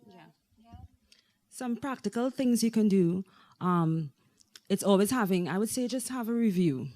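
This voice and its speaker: Woman panelist, mellow dark tone, practical and direct. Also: medium pitch, expressive, a little slow.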